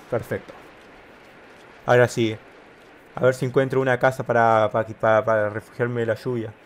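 A man's voice: mid-range voice, slight background noise. Spanish-speaking man thinking aloud through a game. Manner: thinks aloud, repeats words in bursts when rushed. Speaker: gameplay commentator. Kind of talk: casual let's-play commentary.

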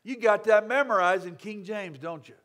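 Preaching at a revival, a man with a high-sitting voice speaks at a moderate pace, weaving stories, funny asides and impressions of grumbling crowds. His delivery is dynamic, lurching from loud bursts to hushed asides.

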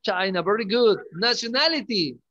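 Male teacher, careful and repetitive, high-pitched, unhurried delivery. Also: expressive, bright, forceful tone, highs cut off. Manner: slow, clear, repeats each word twice. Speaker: English teacher. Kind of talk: online class lesson.

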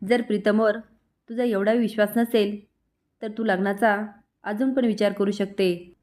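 A woman's voice: medium pitch, fairly even intonation, moderate pace, a little mellow, lightly acted. A woman voicing a stern, caring middle-aged mother who gives firm advice. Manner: firm advising tone.

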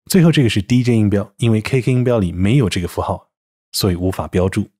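A man's voice: on the low side, fast talker, darkish tone. A man narrating a scripted English pronunciation lesson, explaining vowels step by step and reading out example words. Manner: explanatory, with spoken word examples.

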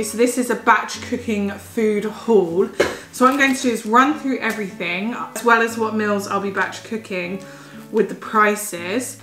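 A woman's voice: medium pitch, fairly bright tone. A young pregnant woman, a little out of breath, chatting enthusiastically in a casual food haul vlog at home. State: heavily pregnant, a bit out of breath. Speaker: vlogger. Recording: roomy home recording with faint music.

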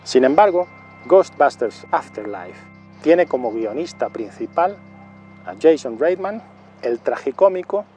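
A middle-aged man giving a film review as a monologue, speaking deliberately and repeating titles and years for emphasis. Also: medium pitch, lively intonation, mellow, faint music behind.

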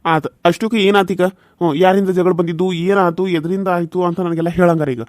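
A man voicing a stern, quick-tempered young husband in a cartoon serial, lecturing in a North Karnataka accent. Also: high voice, fairly even intonation, no room sound, clean studio sound, natural voice. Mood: reproachful. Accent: North Karnataka Kannada. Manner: lecturing, reproachful. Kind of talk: Kannada cartoon serial voice acting.

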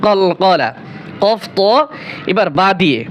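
A man with a Bangladeshi Bengali accent teaches Quran pronunciation in a high voice. He drills each syllable, repeating it slowly and clearly. A faint hiss sits under the recording. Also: lively intonation, highs cut off. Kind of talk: spoken tutorial lesson.

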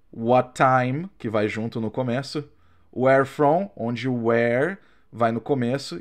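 Portuguese-speaking male teacher, mid-pitched, measured lesson delivery with drawn-out examples. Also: a little mellow. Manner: slow, carefully spaced explanations with drawn-out English examples. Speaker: English teacher. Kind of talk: recorded grammar lesson.

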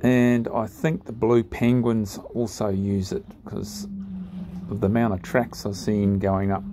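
A man narrating his sailing trip over drone footage in a relaxed, unhurried way, with frequent ums and pauses. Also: mid-range voice, creaky, slight background noise.

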